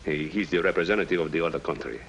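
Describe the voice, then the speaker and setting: An actor playing a formal, anxious government second-in-command in a 1950s radio drama. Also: male voice, deep voice, rapid-fire, fairly bright tone, a little hiss or hum, poor audio. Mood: worried. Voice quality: formal, stiff.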